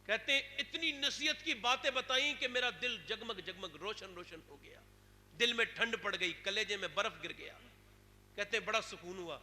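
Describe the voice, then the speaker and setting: A man delivers a fervent storytelling sermon through a public address microphone, his voice high and intensely bright. He pushes into loud, emotional pleas. The sound carries a long reverb and faint background noise. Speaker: preacher. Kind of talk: storytelling sermon at a religious gathering. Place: religious gathering stage.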